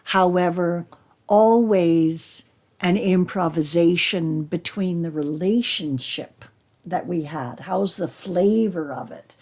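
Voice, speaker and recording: A woman actor talking reflectively in an interview, with earnest, deliberate and emphatic phrasing. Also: fairly low pitch, a little mellow. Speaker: stage actor.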